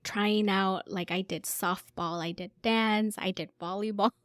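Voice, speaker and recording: A woman's voice: medium pitch, fairly even intonation, unhurried, fairly bright tone, no room sound, clean studio sound. A woman business coach hosting her own podcast, speaking in an upbeat, enthusiastic way as she introduces the show and her guest.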